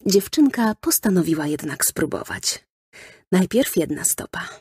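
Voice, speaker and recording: Kobieta czytająca bajkę, lekko chropawy głos. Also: female voice, fairly low pitch, very animated, unhurried, darkish tone, slightly rough, no echo, studio quality. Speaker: audiobook narrator. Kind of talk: scripted children's story narration.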